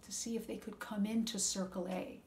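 A woman talks calmly and gently, offering spiritual advice at a measured, reflective pace. Her pitch sits in an ordinary middle range. A faint noise runs under the recording. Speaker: wellness speaker. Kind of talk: calm spiritual advice talk.

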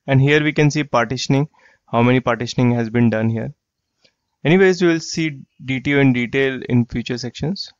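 A male software trainer explains a program over a screen share in a mid-range voice, plain and explanatory, repeating phrases like "you get the idea." The voice track is dry, slightly dull and lo-fi, with no room sound.

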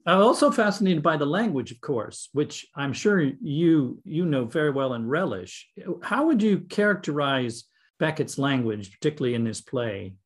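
A man's voice: fairly high pitch, expressive, normal speed. A man hosting a podcast interview, curious and eagerly framing his questions. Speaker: podcast host.

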